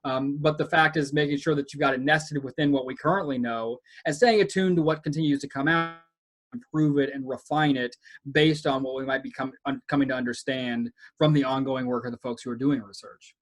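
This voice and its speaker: A man speaking as an education researcher on a panel, earnest and measured, with frequent fillers. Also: mid-range voice, steady tone. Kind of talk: casual panel discussion.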